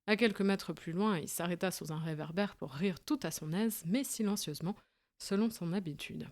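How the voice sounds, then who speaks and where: A woman narrates a classic detective story in a steady, clear reading voice. Her pitch sits a little low for a woman. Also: normal speed. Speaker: audiobook narrator. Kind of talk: scripted narration.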